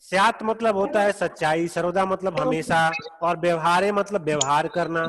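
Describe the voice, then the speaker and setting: A man teaching a Sanskrit class over a video call, explaining slowly and patiently, repeating each point. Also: high-pitched, crowd noise. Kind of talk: online class lecture. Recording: long echoey reverb.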